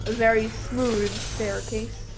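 A woman's voice: fairly high pitch, little pitch movement, slow pace, background noise. A woman chatting casually and playfully as she plays a co-op game, given to silly exclamations. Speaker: co-op game player. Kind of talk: casual gameplay chat. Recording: game music behind the voice.

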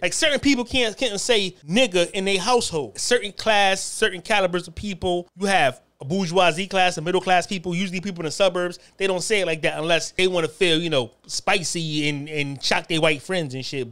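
A man's voice: sits high, a little fast, few pauses, fairly bright tone. A man from New Haven, telling profane, streetwise stories in a casual monologue. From New Haven, Connecticut. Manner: profane, streetwise storytelling with frequent asides. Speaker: podcast host.

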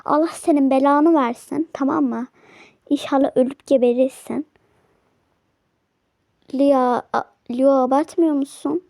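A furious young husband in a toy game role-play, cursing and demanding a divorce as a woman drops her voice to play him. The voice stays high despite being lowered. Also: fairly even intonation, unhurried, creaky, long pauses, mellow, no room sound, studio quality. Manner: lowered voice, curses and threatens divorce. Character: angry husband, young man, furious and dramatic.

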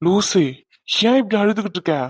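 A woman voicing a calm young male doctor in a cartoon dub, placating and defending others. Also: mid-range voice, fairly quick, breathy edge, lightly acted. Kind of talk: cartoon dubbing.

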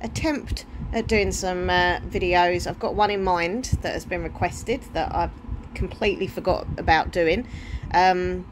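A woman's voice: on the low side, unhurried. A woman with an Essex accent in her thirties, chatting casually in a rambling, informal vlog with trailing thoughts. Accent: Essex English. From Essex, England. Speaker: vlogger. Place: indoors at home, bedroom. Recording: clear background room noise, handheld home recording.

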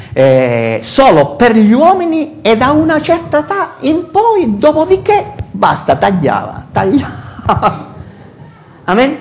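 An older man with a Sicilian Italian accent preaching a sermon as pastor in a church hall, animated and full of rhetorical questions, recorded from a far camera. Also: high-pitched.

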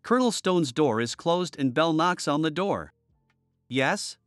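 A man's voice: on the high side, lively intonation, moderate pace, dry recording, faint music behind. Dry-voiced man narrating stories. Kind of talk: scripted story narration.

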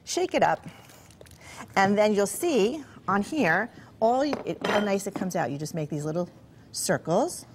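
A woman's voice: mid-range voice, sing-song, unhurried, background noise. A middle-aged woman cooking instructor walking through a recipe step by step on a TV studio kitchen set, friendly and explanatory. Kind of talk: cooking demonstration on a TV show.

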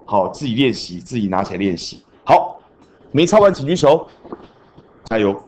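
A male teacher lectures a class, and his pitch swings up and down a lot. He chants grammar rules like mnemonics, with a faint hum of the classroom behind him. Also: very animated, normal speed, darkish tone. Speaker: junior high English teacher.

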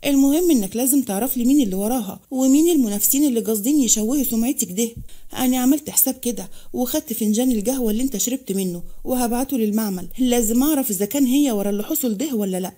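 A woman's voice: a little high, racing, dark tone, natural voice. A woman voicing a scornful young man with an Egyptian accent. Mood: cold, scornful. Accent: Egyptian Arabic. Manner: sneering, harsh warnings. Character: arrogant young man, cold and mocking.

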